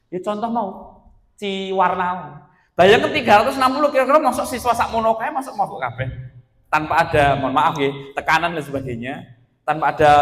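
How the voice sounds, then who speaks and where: Lively Javanese-accented male presenter, echoey hall. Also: fairly high pitch. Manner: lively, jokey, mixes in local Javanese phrases. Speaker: teacher presenting a training session. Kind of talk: workshop presentation to teachers. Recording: echoey hall with long reverb.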